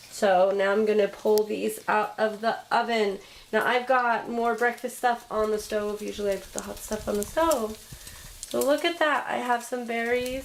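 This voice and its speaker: A woman with a hoarse, froggy voice chatting casually as she walks through baking step by step in her home kitchen, filming on a handheld camera. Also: on the high side, slight background noise, poor audio. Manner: chatty, homey step-by-step explaining. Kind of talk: casual cooking demonstration. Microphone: handheld camera, set down at times.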